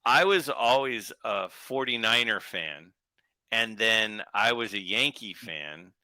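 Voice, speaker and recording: A man tells long, rambling stories as a podcast guest, doubling back on himself with quick asides. His voice is strikingly bright and forceful. The sound is dry and close. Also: on the low side, animated, no echo. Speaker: guest collector. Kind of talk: casual podcast chat.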